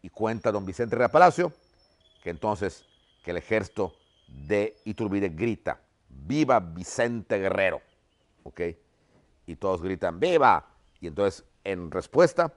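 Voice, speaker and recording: Speaking in a low voice at a normal speed, a male history teacher tells the lesson as a vivid, animated story. He keeps checking in with his listeners by tacking on "¿ok?".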